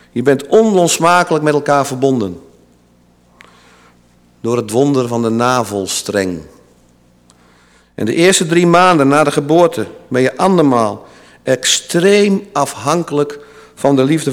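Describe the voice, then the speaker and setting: A man giving a sermon in a church hall, telling a story with dramatic pauses and voicing its characters. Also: medium pitch. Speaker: preacher. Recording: long reverb of a large hall.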